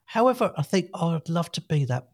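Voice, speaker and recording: Middle-aged man, co-host, jokey playful delivery with a lively, bouncing pitch. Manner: jokey, playful, quick to laugh. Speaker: podcast co-host. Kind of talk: casual chat.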